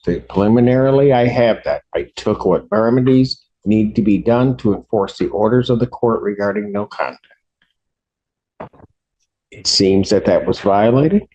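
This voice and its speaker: A man speaking as a judge, giving rulings from the bench in a formal, deliberate way. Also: lowish voice, a little mellow, dull audio.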